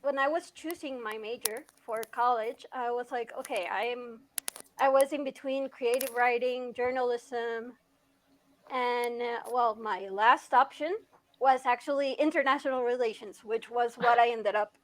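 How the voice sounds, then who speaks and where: High-voiced, giggly young woman. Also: fairly even intonation, measured pace, slight background noise, low-quality recording. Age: 20s. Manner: chatty, laughs often, many restarts and fillers. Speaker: guest filmmaker. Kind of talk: casual podcast interview.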